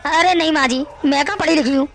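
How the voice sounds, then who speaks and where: A woman's voice: high-pitched, fast talker, vocal fry, a bit bright, soft background music. A woman voicing an outspoken young daughter-in-law who answers back in a cartoon story. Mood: defiant. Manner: pleading, then pert back-talk.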